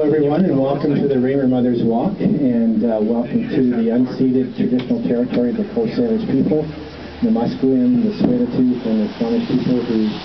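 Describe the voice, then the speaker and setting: Welcoming a walking tour outdoors on a city street, a middle-aged man who produces the festival rambles casually into a handheld microphone, restarting and saying um often. His voice is mid-range. Heard from afar on a phone camera, the audio is dull, distant and roomy.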